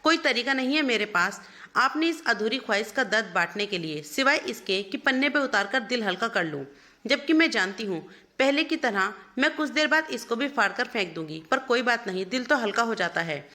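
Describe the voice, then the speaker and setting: A woman voicing a hurt, gentle young wife, reading her tender, pleading letter as storybook narration. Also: on the high side, animated, moderate pace. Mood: tender, sorrowful.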